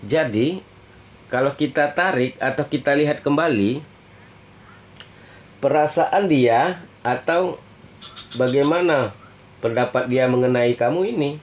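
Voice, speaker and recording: A man giving a tarot reading to his viewers, speaking in a slow, drawn-out way and tagging nearly every phrase with a questioning "ya". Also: mid-range voice, highs cut off. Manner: slow, drawn-out delivery with constant "ya" tag questions; addresses viewers as friends. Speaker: tarot reader.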